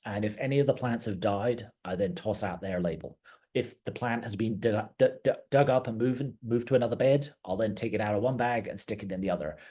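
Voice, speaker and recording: Middle-aged man, garden director, low husky voice, casual teaching tone. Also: mellow. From outside the United States. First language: English. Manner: conversational, plain-spoken, occasional fillers and restarts. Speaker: garden director giving a talk. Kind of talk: educational talk.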